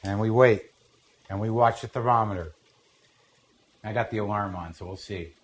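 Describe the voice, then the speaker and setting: A cooking show host with a fairly low-pitched voice runs a casual cooking demonstration at a normal speed, speaking bluntly and wandering into profane, rambling asides. A pan sizzles behind him over faint noise.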